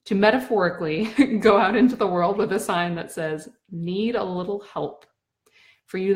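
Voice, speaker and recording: Earnest woman telling a personal story. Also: on the low side. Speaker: blogger sharing a personal story. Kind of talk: reflective personal talk to camera.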